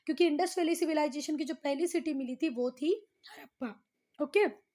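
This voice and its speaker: A woman's voice: sits high, a little mellow. An Indian woman teaching a history lesson online, moving between Hindi and English and answering her own questions to the students. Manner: reads English lines slowly and deliberately.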